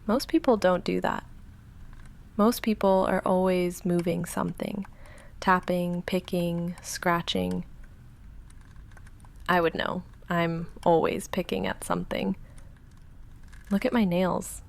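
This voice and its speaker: In an intimate ASMR roleplay, a woman voices a goth vampire roommate, soft-spoken and halting, dry and guarded yet quietly affectionate, often dropping to a near-whisper. Her voice sits on the low side with a steady tone and vocal fry, and the mood is playful and casual.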